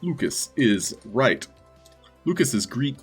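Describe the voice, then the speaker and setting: A man's voice: mid-range voice, sing-song, slow, breathy edge, faint music behind. A man hosting a live stream, chatting casually with his viewers.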